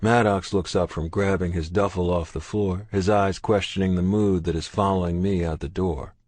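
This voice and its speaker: Deep gruff male audiobook narrator. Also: steady tone, moderate pace, a little mellow, no echo. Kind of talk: first-person romance audiobook narration.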